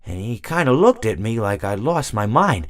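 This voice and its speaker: Game hippo character: low register, very lively inflection, politely mournful, dithering, long-winded storyteller who keeps digressing. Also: male voice, moderate pace, dry recording, clean studio sound. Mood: rambling, wistful. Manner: rambling, hesitant, digressive, repeats himself. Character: rambling, absent-minded, mournfully polite old hippo storyteller. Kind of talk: video game character monologue.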